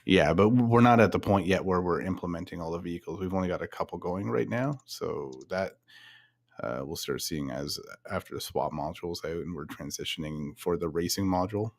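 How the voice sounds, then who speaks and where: Very deep-voiced male game developer. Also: brisk, creaky, no echo. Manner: easygoing explaining, lots of "you know". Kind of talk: casual livestream Q&A.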